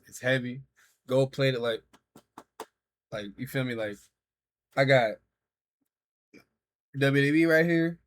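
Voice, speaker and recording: A man in his thirties, a streamer, reacting casually and talking to his chat in loose, profane slang. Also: medium pitch. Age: 30s.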